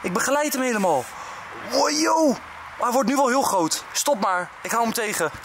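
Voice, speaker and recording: A man giving excited, casual vlog commentary, often dropping in English exclamations. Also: high voice, brisk. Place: outdoors on tiles in the sun. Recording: noisy outdoor recording with vehicle sounds.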